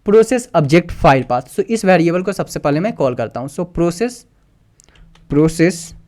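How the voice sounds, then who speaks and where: A man's voice: a little high, expressive, fairly quick, darkish tone. A man teaching a coding tutorial, patiently explaining each step and reading code aloud as he types it, with English terms mixed into his speech. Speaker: tutorial instructor. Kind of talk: screen-recorded coding tutorial.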